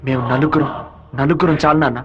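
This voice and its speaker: A man's voice: on the high side, fairly even intonation, quick pace, muffled recording, music in the background, lightly acted. A man dubbing a determined young son in an action film, speaking earnestly and steadily. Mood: resolute. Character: determined young village son, calm and resolute. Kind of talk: dubbed film dialogue.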